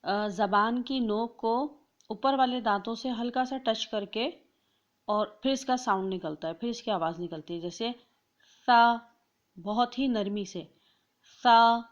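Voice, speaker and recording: Woman teaching pronunciation, dull lo-fi sound. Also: a little high. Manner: draws out each letter slowly for children to copy. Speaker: Quran reading teacher. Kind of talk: slow instructional pronunciation lesson.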